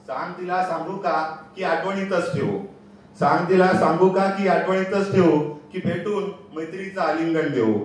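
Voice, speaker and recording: A young man reciting a wistful love poem on stage, repeating lines for emphasis. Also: high voice. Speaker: student poet. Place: large echoey hall on stage. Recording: echoey hall from far off, faint noise.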